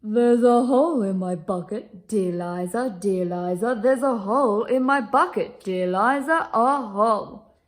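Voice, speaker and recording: A woman voices a hapless, helpless man from a children's storybook, asking plaintive, drawn-out questions in a sing-song way. Her pitch is fairly high and stays close to her everyday voice.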